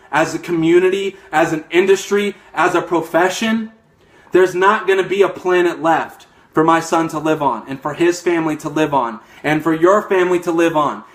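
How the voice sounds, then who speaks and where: A man's voice: on the high side, a bit bright. A young man giving a fired-up motivational talk as a network marketing coach, emphatic and a little out of breath, often tagging lines with "okay?". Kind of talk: motivational live stream talk.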